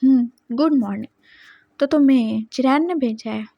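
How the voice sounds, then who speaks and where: A woman voicing a wealthy, lonely old grandfather who is gruff and emotional in a spoken story. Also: high voice, normal speed, no echo, muffled recording. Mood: stern. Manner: scolding then doting.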